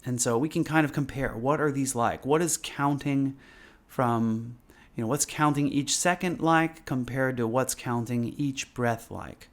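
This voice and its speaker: A man speaking as a meditation teacher in a casual live class, explaining informally with pauses and repeated phrases. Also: mid-range voice.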